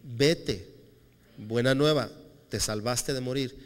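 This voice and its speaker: A man preaching voices Jesus as a gentle, merciful adult man, speaking softly and slowly. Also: mid-range voice, long reverb tail, voice pushed down, lightly acted. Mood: tender, solemn. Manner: soft, slow and hushed.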